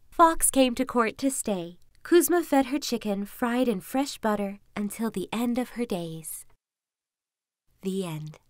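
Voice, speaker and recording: Gentle woman reading a story. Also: a little high, dry recording, studio quality. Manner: soft, gentle, soothing. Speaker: podcast host and storyteller.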